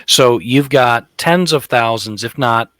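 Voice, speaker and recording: A man's voice: mid-range voice, unhurried, a bit bright, no echo. A middle-aged man co-hosting a casual political chat podcast, talking emphatically and mockingly, often repeating himself. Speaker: podcast co-host.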